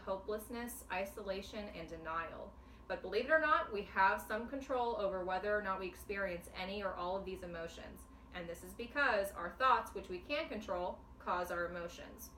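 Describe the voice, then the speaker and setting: Speaking in a mid-range voice, a patient, calm woman clinician demonstrates a counseling session, taking a client through an exercise step by step with clear explanations. The microphone sits at a distance in a roomy, echoing space, and a faint hiss is audible.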